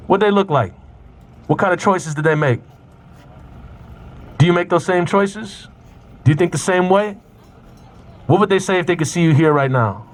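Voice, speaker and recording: A man speaking at an outdoor rally, guiding the crowd through a reflection and shouting chants for them to repeat. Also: on the high side. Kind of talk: rally call-and-response. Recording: crowd and street noise outdoors.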